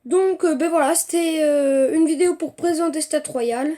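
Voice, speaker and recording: A woman giving casual commentary on her own mobile game, excitable and jumping between muttered asides and loud outbursts of playful trash talk, recorded on a phone mic. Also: high-pitched, normal speed. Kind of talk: casual live gameplay commentary. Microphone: phone mic via screen recorder.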